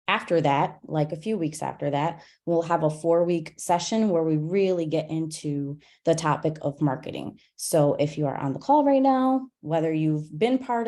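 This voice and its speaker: A woman hosts an online gathering with a somewhat low voice. She talks in a loose, chatty way, full of "um"s and "you know"s and restarted phrases. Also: mellow. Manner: chatty, many fillers and restarts. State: out of breath. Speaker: program host. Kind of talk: casual presentation on a video call.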